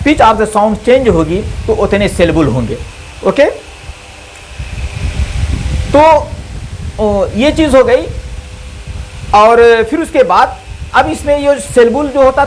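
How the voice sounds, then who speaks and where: A man giving a recorded grammar lesson as a teacher, who speaks slowly, repeats key terms, and asks and answers his own questions. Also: sits high, slight background noise, rough recording. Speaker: English teacher.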